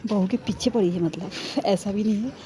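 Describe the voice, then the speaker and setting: A woman's voice: mid-range voice, fairly quick, noisy background. A woman vlogger giving a playful, giggly running commentary to her viewers while filming outdoors on a rooftop. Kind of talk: casual vlog commentary.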